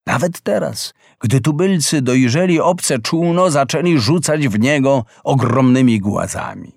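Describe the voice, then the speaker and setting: Slow, calm male storybook narrator. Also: medium pitch, no echo, clean studio sound.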